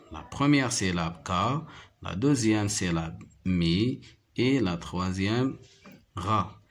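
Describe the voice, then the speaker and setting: A man with a Moroccan accent, whose first language is Arabic, teaching a primary French lesson and slowly repeating each word and syllable. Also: fairly low pitch. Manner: slow, deliberate, repeats words and syllables. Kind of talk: slow classroom explanation.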